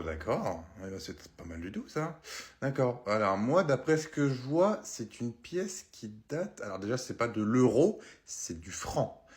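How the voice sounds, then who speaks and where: A man voicing a hesitant male coin buyer in a comedy sketch, low, mumbling and full of filler. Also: close to an everyday voice.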